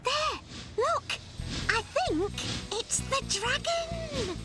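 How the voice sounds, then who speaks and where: Squeaky, eager little cartoon mouse. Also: female voice, very slow, exaggerated voice. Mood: frantic. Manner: excitable, pleading, squeaky. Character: eager, cheeky, childlike little mouse sidekick. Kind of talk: children's cartoon acting. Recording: loud music bed under the dialogue.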